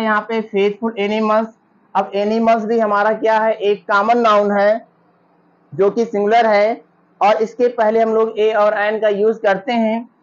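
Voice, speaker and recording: A woman teacher explaining exam questions step by step, reading each English question out slowly. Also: mid-range voice. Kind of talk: exam-prep lesson explaining answers. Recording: slightly dull lo-fi recording.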